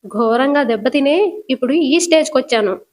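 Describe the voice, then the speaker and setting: Woman narrator reads a taunting male villain, lightly played, high-ish voice. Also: expressive, moderate pace, darkish tone. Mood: gloating. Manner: mocking, taunting. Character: scheming male kidnapper villain, gloating.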